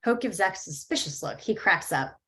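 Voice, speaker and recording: At a table read, a woman voices the screenplay's stage directions in a steady, matter-of-fact way. Her voice sits in the mid-range and she moves briskly.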